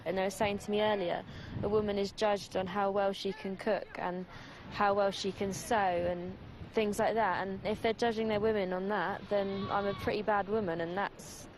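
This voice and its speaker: A woman's voice: medium pitch, steady tone, normal speed. A young woman from England talking frankly on a reality show, often exasperated and self-conscious. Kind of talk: confessional and reactive chat. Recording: noisy field recording.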